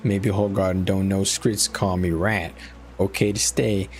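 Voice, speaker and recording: A man's voice: low voice, level tone, moderate pace, slight background noise. A man voicing a simple, sorrowful and resentful rat-like outcast from a fantasy game, speaking in clipped broken grammar. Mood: plaintive. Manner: clipped broken grammar, refers to himself by name. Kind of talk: reading a game journal in character.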